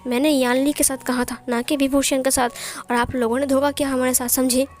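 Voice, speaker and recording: A woman's voice: sits high, level tone, fairly quick, darkish tone, soft background music, lightly acted. A woman voicing a stern, proud older uncle who scolds everyone, in a story reading. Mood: angry.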